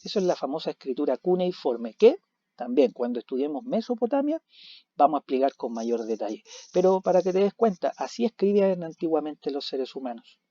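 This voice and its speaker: A man teaching a recorded video lesson, animated, asking questions and answering them himself. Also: a little high, a little fast, no echo. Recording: dull lo-fi recording.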